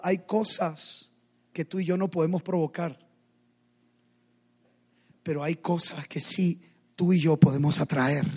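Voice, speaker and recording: A man's voice: sits high, a little mellow, husky. A middle-aged man preaching a sermon, acting out Bible scenes dramatically and speaking straight to the congregation. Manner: dramatic, acts out Bible scenes, addresses the audience directly.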